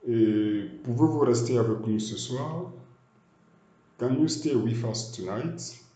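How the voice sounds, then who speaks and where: Slow, deliberate man teaching English. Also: medium pitch, dark tone, echoey room, a little hiss or hum. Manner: slow, deliberate, repeats each phrase in two languages. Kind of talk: slow bilingual language lesson.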